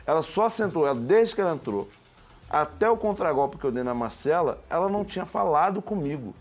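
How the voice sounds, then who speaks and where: A man's voice: on the high side, lively intonation, fairly quick. Emphatic man in his forties. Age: 40s. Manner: emphatic, restarts often, acts out quoted dialogue. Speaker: former reality show contestant. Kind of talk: animated interview storytelling.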